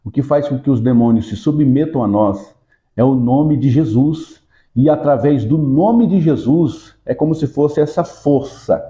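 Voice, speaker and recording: A pastor with a very dark, mellow voice teaches a church lesson, walking through a hands-on demonstration one step at a time. He keeps checking in with his viewers as he goes. The sound is roomy and a bit dull. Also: measured pace. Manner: raises pitch in rhythmic command when casting out. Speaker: pastor and Sunday school teacher.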